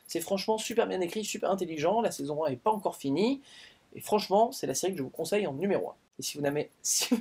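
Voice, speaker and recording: A man's voice: fairly high pitch, darkish tone. A man hosting his own review show, talking casually to his viewers and hesitating often on "euh". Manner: chatty, filler-heavy, with frequent "euh" hesitations. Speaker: film and series critic, show host. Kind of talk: casual talk to the camera.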